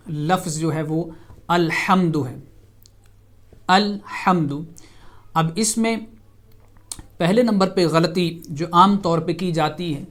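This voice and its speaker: A man giving a televised tajweed lesson, patiently explaining each term step by step and slowing to stress example words. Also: fairly high pitch, a bit bright. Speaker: Quran recitation teacher. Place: television studio.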